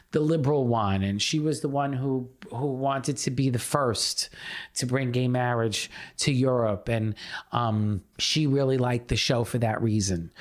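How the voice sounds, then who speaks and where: A man as an interview guest, telling his story in a casual, animated way and often restarting his sentences. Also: medium pitch. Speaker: theater producer and playwright guest.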